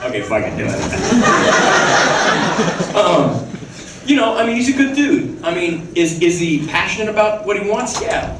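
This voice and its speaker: A man's voice: high voice, sing-song, normal speed, long pauses, noisy background. A man telling casual anecdotes at a fan Q&A, swearing freely, laughing and restarting his sentences. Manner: profane, laughing, restless storyteller with many restarts. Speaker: guest actor at a fan Q&A. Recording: echoey hall from far off with ambience.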